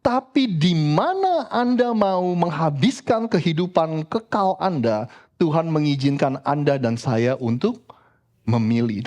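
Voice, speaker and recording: A pastor preaching a sermon in church, lively and direct, often addressing the congregation as brothers and sisters. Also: male voice, a little high. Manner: animated preaching, frequently addressing the congregation as "saudara".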